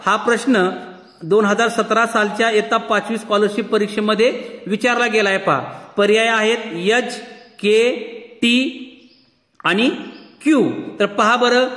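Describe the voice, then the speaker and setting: Brief: patient teacher, Marathi accent, echoey room, quiz-style explanation. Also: male voice, high-pitched, fairly bright tone. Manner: patient, asks and answers his own questions. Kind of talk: exam-prep lesson, slow question and answer. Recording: echoey room with long reverb.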